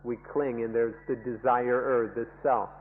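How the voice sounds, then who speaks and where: A man interprets a dharma talk at an extremely slow, deliberate pace, stressing each point and saying it again in new words. His voice rings with a long hall reverb, and the sound is narrow and phone-like, from an old archival recording. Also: mid-range voice, level tone, slight background noise. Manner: emphatic, restates each point in several wordings.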